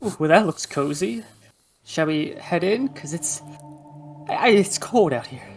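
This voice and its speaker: A man playing a tabletop game, chatting casually and playfully in halting phrases. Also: a little high, animated, breathy edge, faint music behind.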